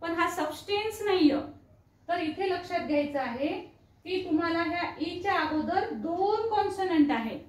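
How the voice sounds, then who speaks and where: Woman, Marathi accent, very high voice, echoey room, a bit far from the mic, patient teacher. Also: expressive. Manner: patient, spells words out slowly and repeats them. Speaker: English teacher. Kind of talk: explaining lesson to students.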